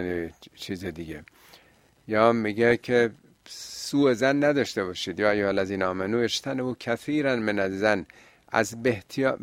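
A man's voice: medium pitch, no room sound. A man explaining Quran verses in a talk, using everyday examples and rising to emphatic bursts. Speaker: religious speaker.

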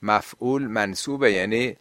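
Low-voiced man explaining, dry sound. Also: a bit bright, no room sound. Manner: explanatory, rhetorical questions. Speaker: religious teacher answering questions. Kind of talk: question-and-answer talk on religion.

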